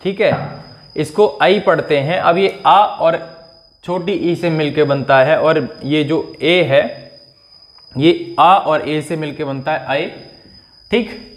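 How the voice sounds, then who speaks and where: A man's voice: a little high, slow, pauses often. A man teaching an exam-prep grammar lesson, explaining patiently, checking in often and stretching out vowel sounds to demonstrate them. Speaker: Hindi teacher.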